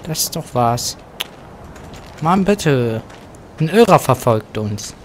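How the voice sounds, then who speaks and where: A man commenting casually on a horror game as he plays it, joking to himself, dropping to whispers at tense moments and breaking into loud outbursts. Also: mid-range voice, very animated, slow pace, a little hiss or hum. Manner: joking running self-talk, sudden loud outbursts. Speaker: let's play gamer. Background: faint game music.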